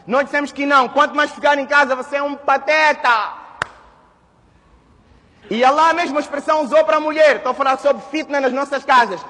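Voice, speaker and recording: A male preacher delivers a Friday sermon in a mosque hall with a long, ringing reverb. His voice sits very high and bright. He moves between loud, urgent exhortation and hushed storytelling, with passages of recited Arabic. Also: a little fast.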